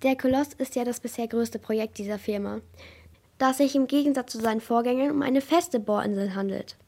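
A woman's voice: a little high, fairly quick, dark tone. Woman reading mumbling, reserved big rig worker, subdued tone. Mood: shaken. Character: quiet, hulking male rig worker, accused.

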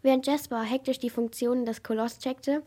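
A woman reading a thriller story aloud as narrator in a steady, measured way. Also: a little high. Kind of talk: scripted audiobook narration.

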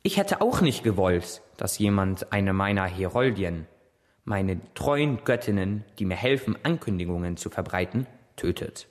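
A man reading a dramatic story in the first person, with an expressive, theatrical manner. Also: sits low, a little slow, long reverb tail. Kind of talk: scripted dramatic narration.

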